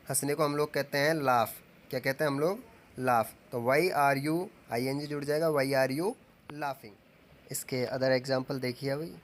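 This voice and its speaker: A man teaching English grammar as a lesson, dictating example sentences slowly and asking questions that he answers himself. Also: fairly high pitch. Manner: asks the class questions and answers them himself. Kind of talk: classroom-style grammar lesson.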